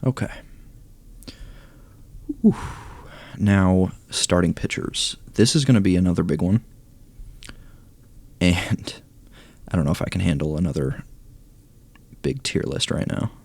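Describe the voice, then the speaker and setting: Young male gamer, deep and hoarse, slow relaxed delivery, thinking aloud. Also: no echo. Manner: low-key, thinking aloud, reading stats. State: losing his voice, hoarse. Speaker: gaming YouTuber ranking cards. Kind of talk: casual commentary.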